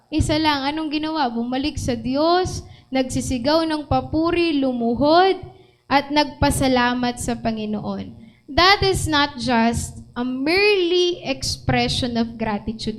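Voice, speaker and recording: A woman preacher with a Filipino accent delivering an animated sermon, mixing Tagalog and English and asking the congregation questions. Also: high-pitched, rough recording.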